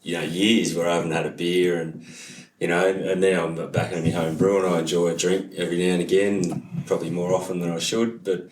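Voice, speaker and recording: A man's voice: sits low, level tone, a little fast, slight background noise. A man, a podcast co-host, chatting casually and laughing often, with lots of fillers. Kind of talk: casual chat. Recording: echoey room, voice from a distance.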